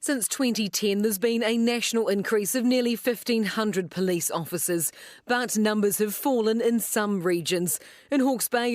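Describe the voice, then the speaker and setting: A woman's voice: medium pitch, no echo, clean studio sound. A woman with a New Zealand accent narrating a scripted news report as a reporter.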